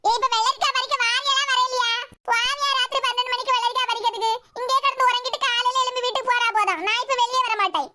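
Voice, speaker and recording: A woman's voice: extremely high pitch, fairly even intonation, very fast, sharp tone. A woman voicing a scolding old village mother-in-law in a cartoon, with a nagging, complaining manner. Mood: grumbling. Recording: noisy background.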